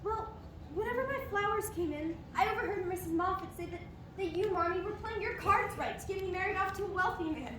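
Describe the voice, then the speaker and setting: A woman's voice: very high voice, brisk. A woman playing an earnest, romantic and proud young woman in an amateur stage play, recorded from a distance in a noisy, echoing room. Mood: wistful.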